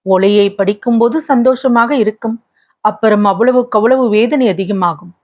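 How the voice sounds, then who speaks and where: A woman's voice: on the high side, normal speed, lightly acted. A woman voicing a young lovelorn woman who is tearful and wistful, speaking in a plaintive, pleading tone, in a slightly muffled recording.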